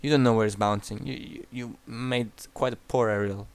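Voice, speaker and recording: A young Croatian-accented man with a mid-range, fairly even voice talks at normal speed as he bluntly coaches a player through a game replay. He swears casually, keeps restarting his sentences, and delivers the whole thing as profane replay analysis.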